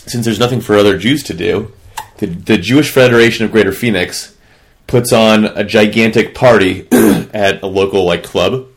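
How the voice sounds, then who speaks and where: A man's voice: on the low side, normal speed. A man in casual podcast chat, explaining things matter-of-factly, a little distant from a shared microphone. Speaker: podcast co-host. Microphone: one shared microphone. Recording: distant from a single shared mic.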